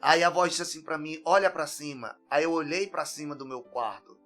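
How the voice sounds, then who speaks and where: A man's voice: on the high side, brisk, faint music behind. A man giving an earnest, emotional personal testimony as a podcast guest, his voice rising when he recounts crying out. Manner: earnest, tearful, grows loud when recounting.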